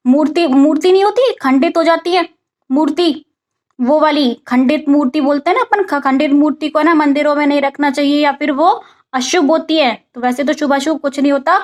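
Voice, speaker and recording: A woman teaching English vocabulary in a casual spoken lesson, asking and answering her own questions. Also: high voice. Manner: mixes English vocabulary into Hindi explanation.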